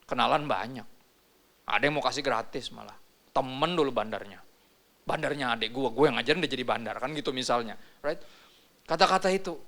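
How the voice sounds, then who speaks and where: A man's voice: medium pitch, a little fast, long pauses, pushed and bright. A male pastor, preaching a sermon in a casual, joking, slangy way.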